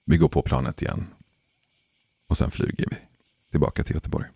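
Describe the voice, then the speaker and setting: A man telling a personal story in a casual, measured way, pausing for suspense. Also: dark tone, no room sound. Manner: measured, deliberate pauses for suspense. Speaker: podcast storyteller.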